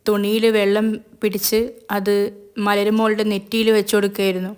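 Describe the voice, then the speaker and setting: A woman narrator retelling a television serial episode in a steady, even way. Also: medium pitch, clean tone. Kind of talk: storytelling recap of a television serial.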